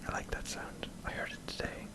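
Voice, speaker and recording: An Irish man in a hesitant, self-deprecating ASMR ramble, speaking in a breathy whisper close to the microphone. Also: fairly quick. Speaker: ASMR video creator. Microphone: close microphone in front of a camera.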